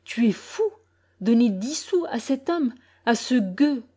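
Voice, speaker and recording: A woman voicing an anxious, sharp-tongued middle-aged mother who talks in an urgent, scolding way. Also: medium pitch, normal speed, lightly acted. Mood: indignant.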